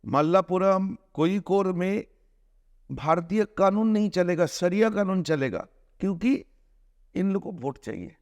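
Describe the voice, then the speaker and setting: A middle-aged man from India speaks in a fairly high voice, pressing his case with earnest conviction. He keeps restarting phrases and stretching his hesitations before pushing on. The sound is dry and close, with no room around it. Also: lively intonation, darkish tone, dry recording, muffled recording. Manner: earnest, argumentative, with frequent restarts and drawn-out hesitations. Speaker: film director, interview guest. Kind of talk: conversational interview, mixing Hindi and English.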